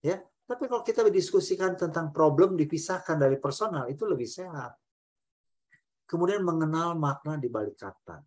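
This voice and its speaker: A man's voice: a little high, animated, fairly quick, darkish tone. A man with an Indonesian accent giving a teaching talk on family conflict over a video call, acting out quoted arguments in a raised voice. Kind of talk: prayer-meeting teaching talk.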